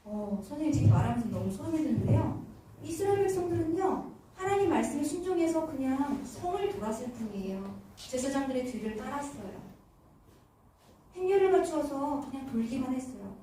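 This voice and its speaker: A woman Sunday school teacher tells a Bible story to children in an animated way, often pausing to quiz them. Her voice is high and mellow. It sounds distant and echoey in a church hall, with a faint background hiss. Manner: animated, asks the children questions. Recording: echoey room from far off.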